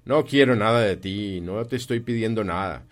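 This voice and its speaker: A man voicing a cheerful, warm-hearted young nephew in an audiobook, talking earnestly and pleadingly. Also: fairly low pitch, normal speed, natural voice. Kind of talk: audiobook reading.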